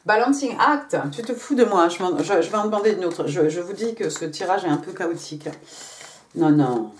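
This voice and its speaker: A woman's voice: on the low side, animated, moderate pace, slight background noise. A woman giving a casual tarot reading, talking chattily with many fillers and little tag words. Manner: chatty, many fillers and "hein" tags, switches to English card text. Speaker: tarot card reader.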